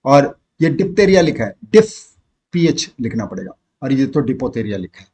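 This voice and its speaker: A man with an Indian English accent teaching an exam-prep lesson, reading sentences slowly and spelling words out letter by letter. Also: mid-range voice, big pitch swings, darkish tone, husky. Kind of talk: classroom lesson.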